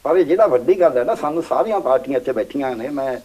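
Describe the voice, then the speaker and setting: A man speaking as a guest in a political panel debate, explaining his points in a measured way. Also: mid-range voice, animated, a little mellow.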